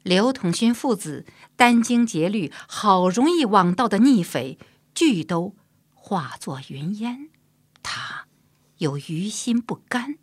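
A woman narrating a historical novel in a measured, soft-spoken storytelling style. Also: mid-range voice, expressive, no room sound. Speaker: audiobook narrator.

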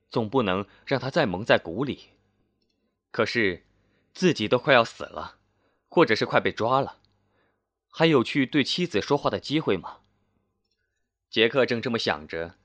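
A man narrating a scripted story in a steady, measured storytelling manner. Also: on the low side, dry recording, studio quality.

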